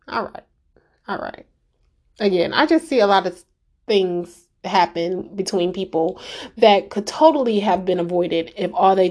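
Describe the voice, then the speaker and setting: A woman's voice: fairly low pitch, gravelly, a little mellow. A woman vlogger giving a casual, emphatic rant straight to her viewers, exasperated and direct.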